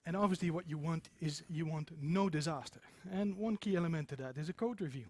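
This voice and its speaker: Brisk and a little mellow, with a fairly high pitch, a middle-aged man addresses a seated audience in an indoor meeting room. A software developer, he gives an informal conference talk, emphatic and repeating phrases for stress.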